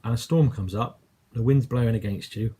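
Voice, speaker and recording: A man's voice: mid-range voice, brisk, dark tone, husky. A man with an English accent preaching a sermon, telling a story in a conversational way and acting out quoted lines.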